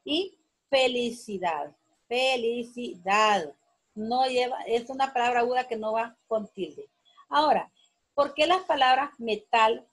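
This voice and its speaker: Woman teacher, slow deliberate delivery, husky voice, patient explainer for a primary lesson. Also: fairly high pitch, rough recording. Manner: slow, patient, repeating words syllable by syllable. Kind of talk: classroom lesson on accents.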